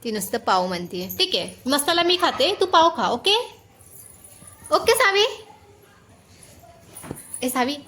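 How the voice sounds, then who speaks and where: A woman's voice: sits high, big pitch swings, measured pace, pauses often, bright, forceful tone, a little hiss or hum. A young woman chatting casually to camera in her home kitchen while coaxing her toddler. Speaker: vlogger and mother. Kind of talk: casual home vlog chat.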